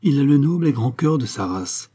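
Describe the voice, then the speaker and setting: A man's voice: medium pitch, animated, brisk, warm tone, slightly rough, voice pushed up. A man voicing a cunning impostor nobleman who feigns sadness and surprise. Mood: mock-sincere. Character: cunning male impostor nobleman, smooth liar.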